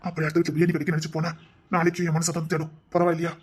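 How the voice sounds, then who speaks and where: A man's voice: on the high side, monotone, slight background noise, close to an everyday voice. A man playing an aggrieved husband who scolds and then pleads with his wife in a web drama. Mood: wounded pleading. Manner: reproachful, rapid nagging with repeated "di".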